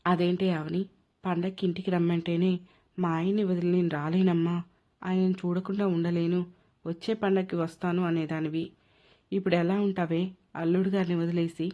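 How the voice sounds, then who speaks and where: A woman's voice: fairly low pitch, flat delivery, moderate pace, close to an everyday voice. A woman voicing an older mother who pleads and weeps for her daughter. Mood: pleading, tearful. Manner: pleading, weeping. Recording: dull lo-fi recording.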